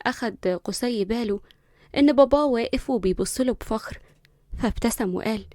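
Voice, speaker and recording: Fast-talking Egyptian woman storyteller. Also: on the high side, dry recording, studio quality. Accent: Egyptian Arabic. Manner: warm, addresses listeners directly. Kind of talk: scripted story narration.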